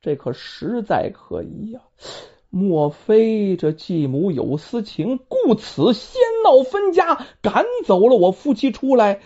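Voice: medium pitch, very animated, slow, darkish tone, exaggerated voice. A storyteller voicing a grieving son who suspects foul play, with brooding, indignant questioning, in a dull, lo-fi recording. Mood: brooding suspicion.

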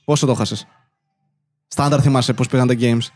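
A man's voice: medium pitch, steady tone, a little mellow, soft background music. A man hosting a podcast, chatting casually and teasing his friends outdoors in the city. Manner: teasing, quick banter. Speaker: podcast host. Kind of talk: casual chat.

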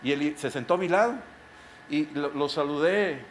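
Middle-aged preacher, slightly high voice, emphatic sermon full of rhetorical questions, faint background noise. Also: male voice, normal speed. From Mexico. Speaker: pastor.

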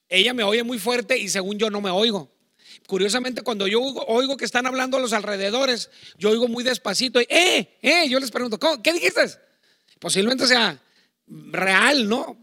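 A middle-aged man with a Mexican accent preaching a sermon on marriage, talking loudly in a chatty, digressive way with asides. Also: sits high, no echo, studio quality. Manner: loud, self-admittedly talks shouting. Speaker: pastor. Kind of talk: sermon on marriage to online viewers.

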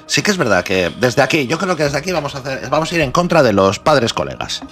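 A man's voice: medium pitch, big pitch swings, quick pace, fairly bright tone, soft background music. A man co-hosting a comedy podcast, blunt and crude, swearing freely as he banters. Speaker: podcast co-host.

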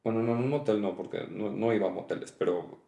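A man's voice: fairly low pitch, fast talker, vocal fry, mellow. A young man with a Mexican Spanish accent co-hosting a podcast, telling stories in a laid-back way and laughing often. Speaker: podcast co-host. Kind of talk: casual chat. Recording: echoey room.

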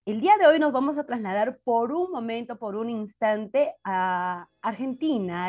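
A woman's voice: fairly high pitch, darkish tone. A woman hosting an interview show, affectionate and laughing along with her guest. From Peru. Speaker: show host.

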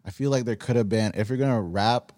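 A man with a fairly low voice chats on a roundtable podcast. He talks in a laid-back way, pausing on fillers and restarting his sentences. The sound is dry and close. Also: a little mellow, no room sound. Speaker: podcast co-host. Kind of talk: casual roundtable chat.

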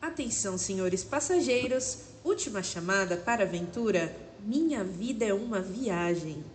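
A woman making a formal boarding call for passengers, heard as a public-address announcement over a loudspeaker. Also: medium pitch, lively intonation, moderate pace, a little hiss or hum.

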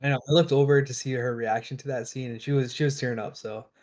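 A man giving his views in casual podcast chat, speaking in a measured, hesitant way with many ums. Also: medium pitch, steady tone, darkish tone. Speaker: podcast guest.

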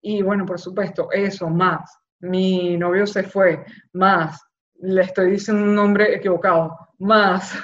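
A woman's voice: medium pitch, unhurried. Candid Maracaibo woman telling her story. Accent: Maracaibo Venezuelan Spanish. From Zulia, Venezuela. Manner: candid and expressive, acting out quoted voices. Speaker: interviewee, journalist. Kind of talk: personal testimony in a conversational interview. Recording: slightly dull lo-fi sound.

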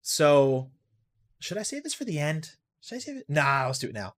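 A man with a somewhat high, bit bright, very animated voice hosts a casual solo podcast at a moderate pace. He rambles offhandedly, swears now and then, and reacts aloud to a video game he's playing as he talks.

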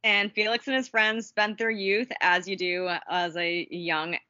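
Woman podcast co-host, bright and forceful tone, giggly note-reader, dry dull recording. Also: medium pitch, level tone, unhurried, no echo. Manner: chatty and giggly, reads notes with many ums. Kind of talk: casual chat, reading history notes.

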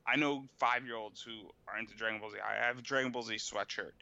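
A man in his twenties chatting casually, telling long stories in a relaxed, talkative way. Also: on the low side, fast talker, no room sound, dull audio. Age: 20s. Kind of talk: casual chat.

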